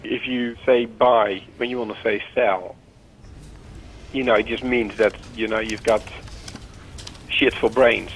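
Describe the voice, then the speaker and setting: A man's voice: lowish voice, steady tone, unhurried, pauses often, a little hiss or hum, rough recording. A man chatting casually in a scornful, annoyed way. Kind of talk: casual chat.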